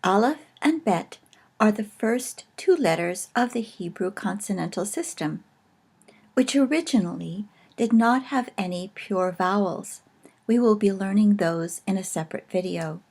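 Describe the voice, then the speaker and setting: A woman teaches in a recorded video lesson, taking her time over each point. Her pace is slow and measured, with pauses as she explains. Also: mid-range voice, creaky, darkish tone, breathy edge.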